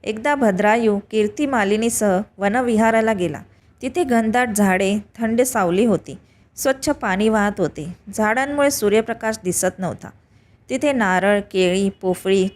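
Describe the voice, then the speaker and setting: A woman telling a devotional tale as scripted narration, reading evenly in short, measured phrases. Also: mid-range voice. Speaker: storyteller.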